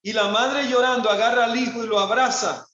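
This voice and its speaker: A male pastor with a Panamanian accent preaching a sermon, asking rhetorical questions and dropping soft and low for the quoted lines. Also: fairly even intonation, a little fast. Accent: Panamanian Spanish. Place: church hall. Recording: echoey church, dull lo-fi sound.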